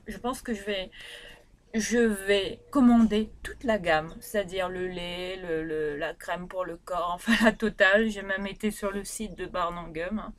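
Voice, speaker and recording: Slow, hesitant woman vlogger from Réunion. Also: medium pitch. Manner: slow, hesitant, many fillers and restarts. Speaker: beauty vlogger. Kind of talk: casual product review.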